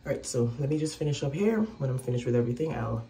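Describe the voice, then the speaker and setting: A vlogger in her thirties does her makeup while chatting casually to a phone camera held close, in a small indoor room by a window. Her bass voice is a little throaty and mellow, yet she talks in an animated, racing way, and the room adds reverb.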